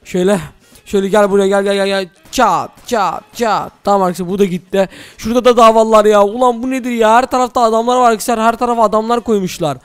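Excitable guy doing minecraft role-play commentary, really high voice, super fast. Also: clean tone, soft background music. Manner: excitable, addresses viewers as "friends". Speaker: gaming channel host.

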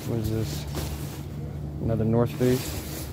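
A vintage clothing reseller vlogs while sorting clothes in a large indoor thrift warehouse, giving casual, off-the-cuff commentary in short, slangy phrases. His voice is lowish, slow and fairly flat in pitch, with clear warehouse background noise.

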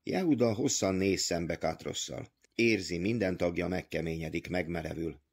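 A man reading a literary novel aloud as an audiobook, with measured, even storytelling. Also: sits low, slightly rough. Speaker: audiobook reader.

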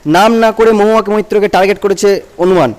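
A deferential male interviewer with a fairly high voice, asking questions politely and often pausing on fillers. The sound carries a long hall-like reverb. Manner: deferential, addresses guest as sir, hesitant fillers.

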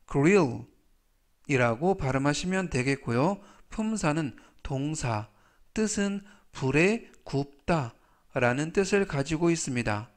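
Slow, patient male vocabulary teacher. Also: fairly high pitch. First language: Korean. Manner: repeats each English word three times slowly, patient. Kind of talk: slow, deliberate vocabulary lesson.

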